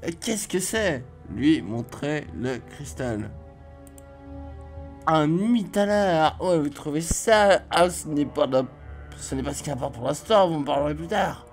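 A man playing a video game and commenting as he goes, reading dialogue aloud and joking, with sudden loud exclamations. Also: a little high, lively intonation, moderate pace, soft background music. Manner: chatty, jokey, exclaims loudly in surprise. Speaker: let's play host.

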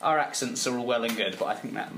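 A man's voice: medium pitch, fast talker, fairly bright tone, a little hiss or hum. A man co-hosting a video game podcast in casual chat, swearing freely and reading out news items. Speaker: podcast co-host.

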